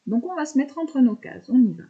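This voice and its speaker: A woman teacher calmly talking young pupils through handwriting, step by step, with patient explanations. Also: high-pitched, narrow, tinny audio. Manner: slow step-by-step verbalizing, patient.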